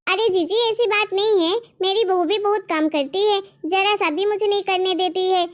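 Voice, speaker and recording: A woman playing a gentle, patient middle-aged mother-in-law who calmly defends her daughter-in-law, in a homemade family drama. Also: very high-pitched, normal speed, lo-fi sound. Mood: soothing. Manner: soothing, defending.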